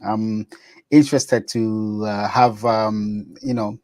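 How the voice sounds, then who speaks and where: A man's voice: on the low side, little pitch movement, takes it slowly, a crowd in the background. A man from Canada, a co-host photographer, introducing himself in an upbeat, straightforward way over a video call. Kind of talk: casual self-introduction.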